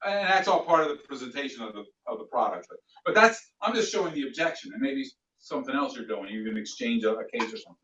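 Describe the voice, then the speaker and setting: Animated male sales trainer, echoey room. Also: medium pitch, quick pace, few pauses. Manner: animated, plays out customer dialogues. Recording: echoey room, distant mic, dull sound.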